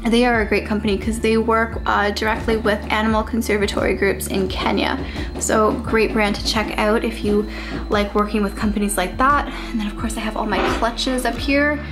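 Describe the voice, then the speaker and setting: A woman's voice: medium pitch, steady tone, moderate pace, music in the background. A young woman from Canada chatting casually through a home organizing vlog, with frequent ums and little laughs. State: out of breath. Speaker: lifestyle vlogger. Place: home closet and bedroom.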